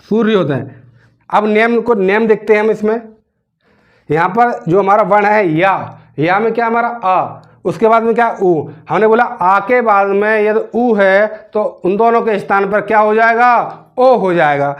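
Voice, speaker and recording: In a lo-fi recording, a man with a voice that sits high gives a grammar lesson, asking questions and then answering them. He spells out words slowly, repeating them as he goes.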